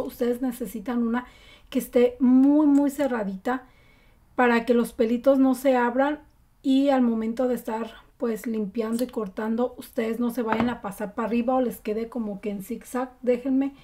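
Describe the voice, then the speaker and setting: Woman, makeup tutorial, chatty with fillers, slightly high, warm mellow tone. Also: normal speed. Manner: relaxed, chatty, with many fillers. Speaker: beauty vlogger.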